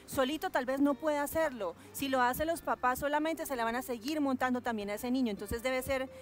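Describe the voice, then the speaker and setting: Woman, Colombian accent, slightly high voice, interviewing host, agreeable, faint music. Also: a little fast. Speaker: talk show host. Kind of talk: casual chat.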